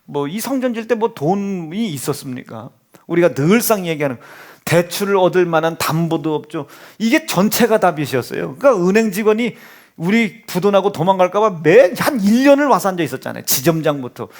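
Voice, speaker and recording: Animated high-voiced pastor. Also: male voice, brisk. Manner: animated storytelling, mimics family members. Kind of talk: sermon. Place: church sanctuary.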